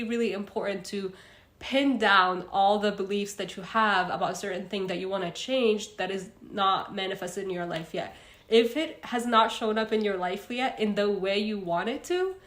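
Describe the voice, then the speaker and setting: Reading out viewer comments as she goes, a young woman from Egypt runs an informal self-help livestream in a middle-pitched voice. Her conversational talk is full of fillers and false starts, and an echoey room colors the sound.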